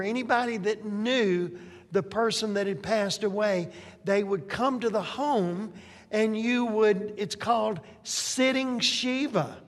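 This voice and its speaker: An older man preaches in a high-pitched, unhurried voice, easygoing and chatty, often pausing to ask the congregation questions. His words ring out in a long hall reverb, as in a church sanctuary. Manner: conversational, with rhetorical questions to the congregation. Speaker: pastor. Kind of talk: sermon.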